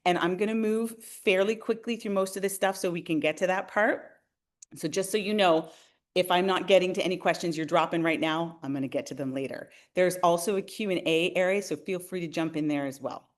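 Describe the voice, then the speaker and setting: A woman's voice: fairly low pitch, brisk. A woman in her forties from Canada, a realtor hosting a webinar, who talks in a friendly, enthusiastic way and speaks straight to her viewers. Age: 40s. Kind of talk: upbeat webinar presentation.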